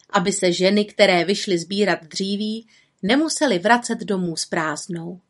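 A woman reading a children's story aloud in gentle, even narration. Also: mid-range voice.

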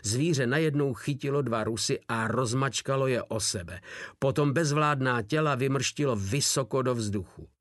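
A man's voice: mid-range voice, a bit bright, no room sound, studio quality. A man narrating a war novel in the first person with a grim, dramatic reading. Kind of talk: audiobook narration.

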